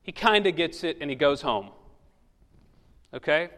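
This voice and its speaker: A man's voice: on the high side, lively intonation, measured pace, a bit bright. A man preaching a sermon in a church, telling the story with humor and acting out the voices of the people in it. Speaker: pastor. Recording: long reverb of a large hall.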